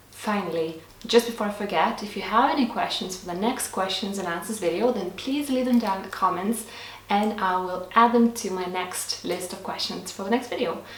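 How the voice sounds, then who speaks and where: In a casual Q&A to camera, a young woman with Lithuanian as her first language earnestly answers viewers, restarting now and then. Her medium-pitched voice comes through a distant mic, off-mic in an echoey room.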